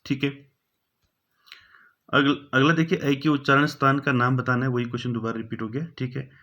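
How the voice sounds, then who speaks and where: A man's voice: medium pitch, level tone, brisk, bright, forceful tone. Man teaching an exam-prep grammar lesson. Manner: repeats each question, fills with "thik hai". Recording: dull, lo-fi sound.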